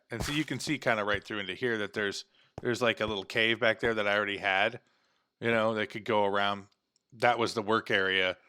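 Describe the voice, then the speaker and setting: A man's voice: medium pitch, pushed and bright. A man hosting a gaming channel, chatting casually as he builds and thinks aloud, trailing off and humming to himself. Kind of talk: casual gameplay commentary.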